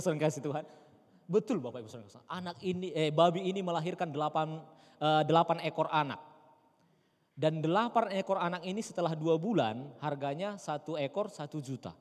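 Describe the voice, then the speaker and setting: A man preaching a sermon as pastor, dramatic, swinging between loud high cries and quiet low murmurs. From Indonesia. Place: church sanctuary. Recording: long church hall reverb.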